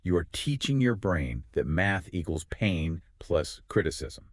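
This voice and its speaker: A very deep male voice that rises and falls expressively as he co-hosts an explanatory podcast. He speaks with confidence and lays out ideas in clear steps. The sound is dry and close, with no room around it. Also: big pitch swings, measured pace, no room sound. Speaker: podcast co-host.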